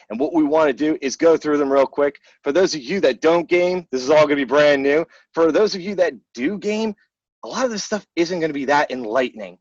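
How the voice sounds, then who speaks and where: A man's voice: on the high side, no room sound, lo-fi sound. A man hosting a casual gaming debrief, speaking in a blunt, informal, chatty way. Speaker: host.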